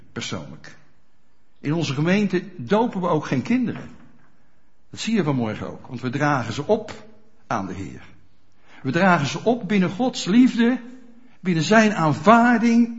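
A pastor preaching a sermon in a church, speaking straight to the congregation with frequent rhetorical questions. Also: male voice, on the high side. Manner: animated, addresses congregation directly with rhetorical questions. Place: church hall. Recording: dull lo-fi church recording.

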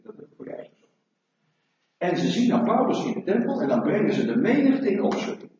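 A middle-aged man preaches with a high, lively voice that swings up and down, often pausing to ask his congregation questions. He sounds distant and muffled, with heavy echo from a large hall. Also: a little hiss or hum. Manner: animated, rhetorical questions to the congregation. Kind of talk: sermon. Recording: echoey hall, mic far off, dull sound.

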